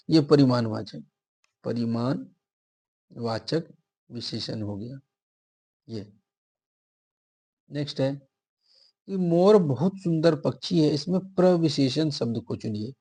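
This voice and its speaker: A male teacher with a mellow, somewhat husky voice works through quiz questions one by one. He reads each answer option aloud and repeats it before settling on the right one, in a patient, step-by-step classroom manner. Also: fairly high pitch. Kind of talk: exam-prep grammar lesson.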